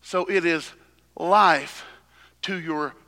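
A man preaching a sermon at a pulpit microphone, swinging between soft teaching and loud shouting. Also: fairly high pitch, drawn-out words. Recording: long hall reverb.

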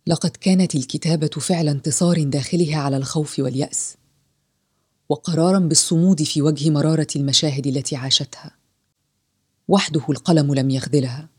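A woman narrating a story in a slow, solemn, measured reading. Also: low voice, mellow, breathy edge.

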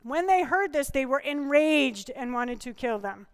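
A woman's voice: sits high, lively intonation, measured pace, long reverb tail. A woman preaching a conversational sermon with humor, often asking the congregation questions.

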